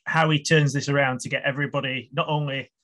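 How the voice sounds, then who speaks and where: A man's voice: mid-range voice, fairly even intonation, fast talker, a bit bright. A man hosting a casual football chat over a video call, earnest and rambling, often restarting his sentences. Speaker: podcast host.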